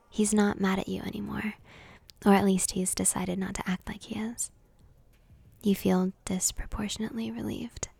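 Breathy whispering woman narrator, whispered role-play. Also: medium pitch, dry recording. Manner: soft, intimate second-person whisper.

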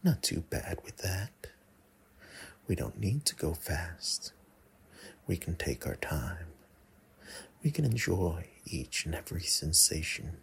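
A man in an intimate whispered role-play, murmuring breathily right into the listener's ear, coaxing and teasing with many pauses. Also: low-pitched, very animated, fairly bright tone, slight background noise. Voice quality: breathy, husky. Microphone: close mic.

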